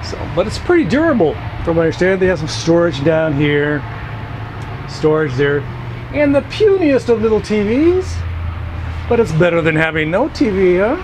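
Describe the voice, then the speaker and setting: An RV vlogger gives a casual walking tour of RV trailers on a dealer lot, speaking offhandedly at normal speed with big pitch swings and many "uh"s. Captured on a handheld or body camera outdoors, the audio picks up highway traffic noise.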